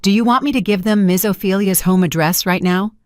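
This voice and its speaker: A woman voices a loyal, efficient male aide reporting to his boss in a story, pitching her natural mid-range voice above her own. She sounds formal, deferential and businesslike, speaking a little fast with a slightly mellow quality. The recording is dry and of studio quality.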